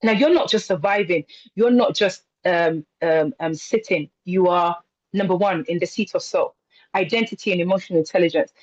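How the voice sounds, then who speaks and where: A woman's voice: fairly low pitch, normal speed, a little mellow, no room sound. Young woman, motivational speech, emphatic and repetitive, dry muffled sound. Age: young adult. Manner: emphatic, repetitive, rhetorical questions. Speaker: motivational speaker.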